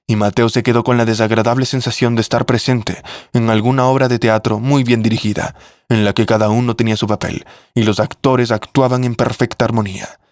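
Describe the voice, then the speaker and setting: A man narrating a family drama story in a steady, measured way. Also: medium pitch, dry recording, studio quality.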